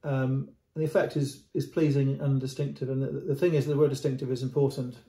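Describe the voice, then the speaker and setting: A middle-aged antiques dealer presents a painting to camera in an indoor room at home, speaking casually and unscripted, often repeating words and restarting as he gestures at the canvas. His mid-range voice is warm, level, and fairly quick, recorded by a close camera with roomy echo.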